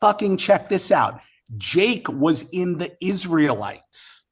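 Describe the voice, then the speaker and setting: A man who is a guest musician tells an animated story, excited and profane, often laughing as he talks. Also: high-pitched, slow, husky.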